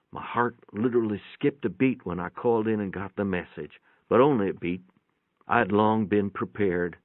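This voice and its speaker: A man with a fairly low-pitched voice gives a dramatic first-person reading of a short story, told in a folksy, matter-of-fact way. The recording is muffled and narrow, almost phone-like, and dry with no echo.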